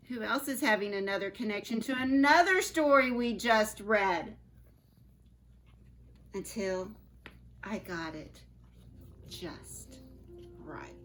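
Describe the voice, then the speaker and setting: A medium-pitched teacher shares a picture book aloud with her students from home, reading expressively and slipping in gentle comments to the children.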